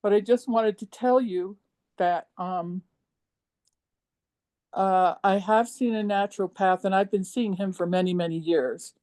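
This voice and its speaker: A woman of seventy giving a personal testimonial, emotional and halting, with many ums and restarts. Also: mid-range voice, darkish tone. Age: 70s. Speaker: program participant.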